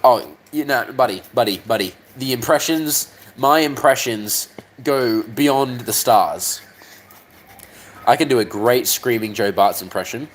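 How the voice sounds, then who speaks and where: Young aussie guy rambling while he works, lots of ums, swears a ton, middle pitch. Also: a little slow, a little hiss or hum, low-quality recording. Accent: Australian. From Australia. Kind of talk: casual rambling chat while working on a model.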